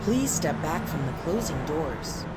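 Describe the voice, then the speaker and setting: Polite woman announcer over a train intercom. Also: sing-song. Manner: polite, measured delivery. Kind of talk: recorded transit announcements. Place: inside a subway car. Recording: loud train rumble behind the loudspeaker.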